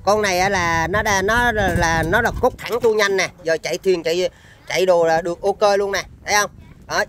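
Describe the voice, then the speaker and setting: A man's voice: sits high, normal speed, fairly bright tone. A man with a Southern Vietnamese accent giving an informal sales demonstration of used machinery, in chatty, repetitive patter.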